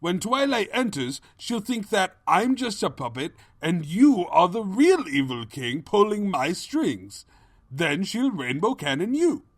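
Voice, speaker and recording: A man's voice: high voice, sing-song, unhurried, breathy edge, no echo, voice pushed up, heavily acted. A man voicing a pompous, scheming and cowardly evil pony king with theatrical, grandiose delivery in a story. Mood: smug, scheming.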